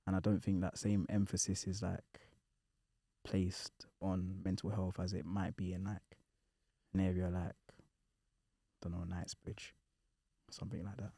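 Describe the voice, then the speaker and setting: A man in his twenties with an East London accent, a podcast guest thinking aloud with many pauses and fillers. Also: low-pitched, level tone, creaky, dark tone, slightly rough, no room sound. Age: 20s. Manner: thoughtful, hesitant, lots of "like" and "um". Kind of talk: casual group chat.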